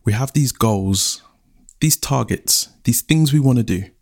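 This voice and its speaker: A man telling a folktale and reflecting on its meaning. He speaks slowly and deliberately, at a middle pitch. His voice has a gravelly, creaky texture. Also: expressive, darkish tone. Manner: slow, deliberate delivery. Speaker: storyteller. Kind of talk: storytelling narration and reflection.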